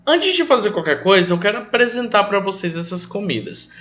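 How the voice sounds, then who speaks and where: Brazilian guy teacher for kids, kinda high voice, slow and sing-songy, calls them his loves. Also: very animated, a bit bright. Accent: Brazilian Portuguese. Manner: affectionate, calls pupils "meus amores", speaks of himself as "tio"; drills English words slowly for repetition. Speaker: English teacher. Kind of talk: online lesson for children.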